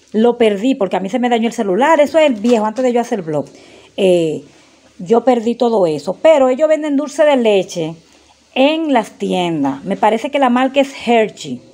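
A woman's voice: on the high side, animated, normal speed, warm tone. A woman chatting casually to her viewers while making a drink in her home kitchen, filmed on a phone. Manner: chatty, addresses viewers as girls. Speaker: vlogger.

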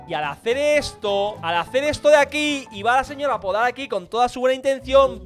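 A man from Spain with a Spanish accent, giving excitable gameplay commentary, talking to the game's characters and breaking into sudden yelps. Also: sits high. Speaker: gaming YouTuber.

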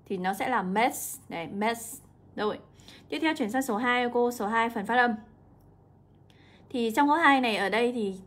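A woman's voice: a little high, a bit bright. Young woman teaching. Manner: explanatory, stretches example words slowly. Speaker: English teacher. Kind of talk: exam walkthrough lesson.

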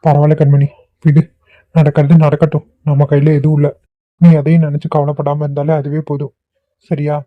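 A man voicing a calm, reassuring young husband in an amateur cartoon, speaking in a soothing, steady way. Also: on the high side, a little fast, dry recording, lightly acted. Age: young adult. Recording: tinny phone-like audio.

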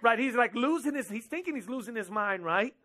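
A young male pastor with a high, bright voice preaches on an indoor church stage, a drum kit behind him. He's animated and gestures as he speaks, slipping in quick quoted asides throughout the sermon.

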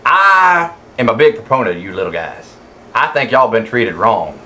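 A bright, lively sheriff. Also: male voice, medium pitch, moderate pace. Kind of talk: film dialogue.

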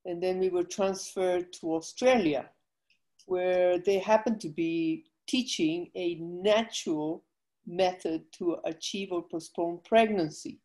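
A woman's voice: on the low side, steady tone, slow, darkish tone, poor audio. An older woman from Guatemala, a foundation president, explaining her work earnestly over a video call while feeling weak from illness.

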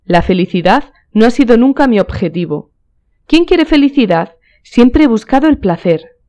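A woman's voice: fairly high pitch, expressive, moderate pace, dark tone, dull audio, natural voice. A woman voicing a charming young male aristocrat in a storybook reading, with a light, easy manner.

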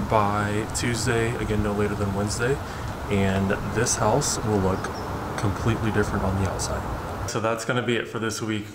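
A man's voice: fairly low pitch, reverberant, very noisy. A young man casually walking viewers through a house renovation, chatty and upbeat with frequent fillers, filmed on a handheld camera. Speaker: home renovation vlogger. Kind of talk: casual walkthrough vlog. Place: house under renovation and its yard, indoors and outdoors. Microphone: handheld camera held at arm's length.

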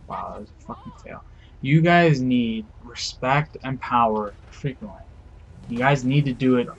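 A young man with a mid-range voice, recorded with dull audio, is losing his voice as he lays down rules for his game crew. As crew leader, he rambles casually, full of fillers and pleading, with the odd swear word.

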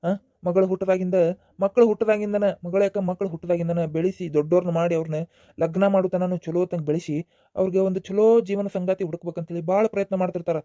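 A man's voice: high-pitched, fairly even intonation, quick pace, mellow, dry recording, clean studio sound, natural voice. A man voicing an aging father of a grown daughter in a cartoon, with a North Karnataka accent, scolding and emotional, repeating himself. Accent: North Karnataka Kannada. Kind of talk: cartoon voice acting.

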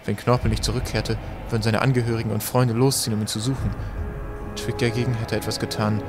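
A man reading an audiobook in calm, steady narration. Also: fairly low pitch, fast, over music. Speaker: audiobook reader. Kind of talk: scripted narration.

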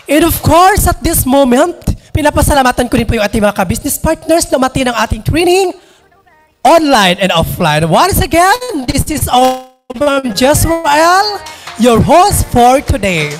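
A male host gives brisk, courteous closing thanks with a high, lively voice. Faint music plays behind him. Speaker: event host. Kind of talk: closing remarks.

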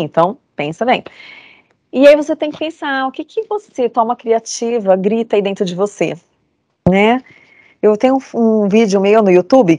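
Speaking to students over a video call, a woman in her forties from Brazil delivers a motivational talk with earnest emphasis, repeating phrases to drive home her conviction. This lecturer's voice is fairly high with a darkish tone, and the recording is dry.

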